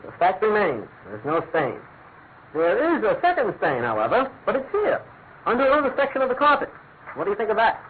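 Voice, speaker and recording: An actor playing a smug, blustering police inspector in a classic radio drama, emphatic and officious. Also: male voice, high voice, wildly swooping pitch, brisk. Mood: smug, puzzled. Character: blustering, self-satisfied male police inspector. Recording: tinny, narrow-band old radio, noisy.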